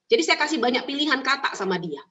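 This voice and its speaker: A woman giving parenting advice in an emphatic, animated way, repeating her key points. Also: sits high, fast. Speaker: parenting speaker. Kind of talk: advice talk answering questions. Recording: muffled lo-fi recording.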